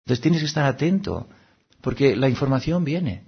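A man, giving a calm, reflective spiritual talk in an unhurried, musing way with frequent "no?" asides. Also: medium pitch, vocal fry, husky, highs cut off. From Seville, Spain. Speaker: spiritual teacher.

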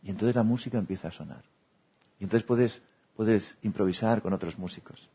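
A man's voice: lowish voice, a little fast, slightly rough, dull audio. A man from gives a reflective spiritual talk to an audience, chuckling often and checking in with "¿no?" and "¿eh?". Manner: acts out imagined dialogues. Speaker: spiritual speaker.

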